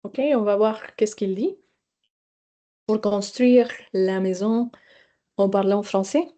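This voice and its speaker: Mellow woman teacher, hesitant explaining. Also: medium pitch, takes it slowly. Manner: hesitant, explaining, with fillers and laughs. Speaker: language teacher presenting. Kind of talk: webinar presentation.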